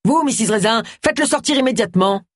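A woman's voice: lowish voice, expressive, fast talker, husky, no room sound, clean studio sound. A woman doing a bellowing, bad-tempered vicar. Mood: yelling. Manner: bellowing, irritable. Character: short-tempered middle-aged male vicar.

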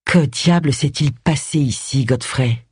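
A reader voicing a brusque, sharp-tongued woman amateur sleuth in an audiobook, speaking in a raised, urgent voice. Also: mid-range voice, unhurried, slightly rough, no room sound, studio quality. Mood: grim.

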